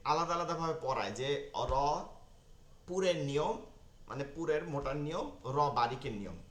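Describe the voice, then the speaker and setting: A man teaching an online Quran reading lesson, repeating key terms slowly and checking that his learners follow. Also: on the high side, a bit bright, roomy sound.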